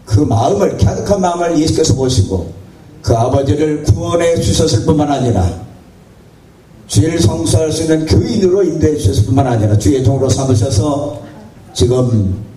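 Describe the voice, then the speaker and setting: A man's voice: on the high side, moderate pace, warm tone, a little hiss or hum. A male pastor preaching a sermon, telling a story with dramatic emphasis. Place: church or prayer house hall. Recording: roomy hall audio, distant mic.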